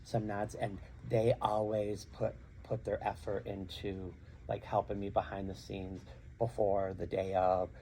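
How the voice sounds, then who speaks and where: A man's voice: on the low side, flat delivery, unhurried, mellow, a little hiss or hum, low-quality recording. A middle-aged man who works as a drag queen and show host, answering interview questions earnestly and repeating phrases for emphasis.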